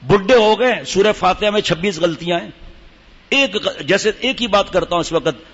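A man's voice: sits high, animated, fairly bright tone, breathy edge. An older man giving a sermon to a gathering, telling stories and demonstrating recitation. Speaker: religious teacher. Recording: dull hall reverb.

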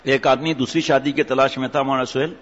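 A man's voice: medium pitch, fairly even intonation, fairly bright tone. A man, a cleric giving a humorous sermon in a mosque, teasing his audience with jokes and stories. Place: mosque hall. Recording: echoey hall, dull lo-fi sound.

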